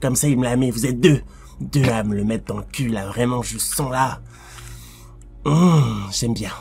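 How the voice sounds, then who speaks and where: A man's voice: mid-range voice, measured pace, creaky, darkish tone, breathy edge, faint music behind, voice pushed down, exaggerated voice. A man voicing a lewd, taunting anime villain in a comic improvised dub, crude and teasing in a familiar way. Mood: lewd, wheedling.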